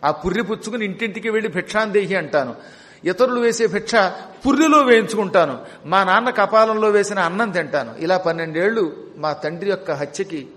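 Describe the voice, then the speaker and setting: A man playing a remorseful young prince who reproaches himself, in a high voice with long hall reverb. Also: brisk, fairly bright tone. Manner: self-reproaching, sorrowful.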